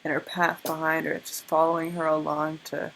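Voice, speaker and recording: A young woman with a slight stutter talks through a tarot card reading in a casual, rambling way. Her voice sits a bit low and sounds tired from lack of sleep. There is a faint hiss behind her. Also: level tone, a little fast, vocal fry, a bit bright, poor audio. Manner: stutters, with many restarts. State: tired from little sleep, yawning. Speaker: tarot reader.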